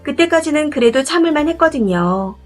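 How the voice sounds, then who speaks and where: A woman reading a first-person family story as scripted narration, in a steady, confiding way. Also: high voice, brisk, soft background music.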